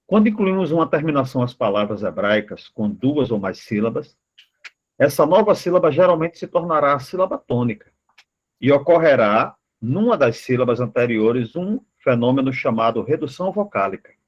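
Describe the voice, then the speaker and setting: A man's voice: medium pitch, sing-song, normal speed. Brazilian man reading aloud, dull audio. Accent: Brazilian Portuguese. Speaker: student.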